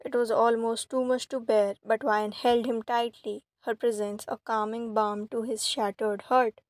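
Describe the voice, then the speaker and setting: A woman narrating a romantic fan fiction story in a steady, even reading voice. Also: a little high, measured pace, no room sound.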